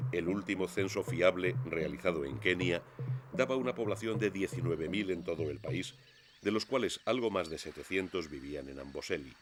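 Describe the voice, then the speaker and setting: Low-voiced man narrating a nature documentary. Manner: measured, expository storytelling.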